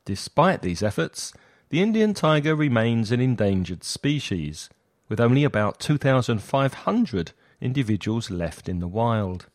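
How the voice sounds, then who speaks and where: Guy doing nature documentary narration, really varied pitch, dry close sound. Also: big pitch swings, measured pace, no echo.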